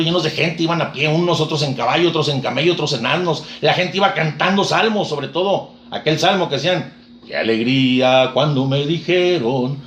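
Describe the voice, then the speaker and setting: Fast fervent preacher man. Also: fairly high pitch, fairly bright tone, echoey room, a little hiss or hum. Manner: fervent storytelling, quotes scripture. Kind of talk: sermon retelling scripture.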